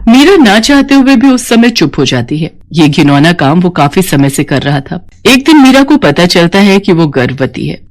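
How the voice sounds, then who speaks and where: A woman narrating a scripted bedtime story in a calm, measured way. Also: on the low side.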